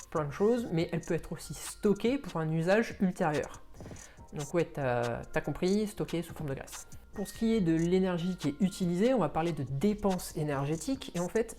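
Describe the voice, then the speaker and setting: A man's voice: high-pitched, darkish tone. A man, a fitness coach, explaining things in an informal way, talking straight to the viewer while he walks. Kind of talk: casual explainer video.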